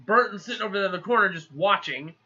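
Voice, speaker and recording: High, bright-voiced man recapping a movie. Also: quick pace. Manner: chatty, animated, acts out characters. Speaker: movie reviewer. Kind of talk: casual rambling plot recap. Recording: slightly muffled lo-fi recording.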